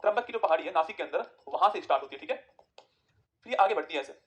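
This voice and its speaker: A man teaching an exam-prep geography lesson, firing quick questions at students and answering them himself. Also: fairly high pitch, animated, muffled recording.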